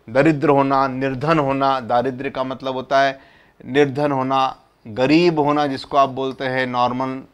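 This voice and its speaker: A man slowly explaining the words of a devotional hymn, reciting verses and then patiently repeating what each word means. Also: medium pitch, a bit bright, clean tone. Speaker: religious teacher explaining a hymn.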